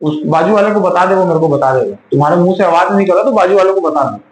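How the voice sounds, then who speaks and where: A man's voice: high-pitched, quick pace. A male teacher giving a classroom grammar lesson, quizzing his students again and again. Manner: quizzes students with repeated questions. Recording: roomy classroom echo.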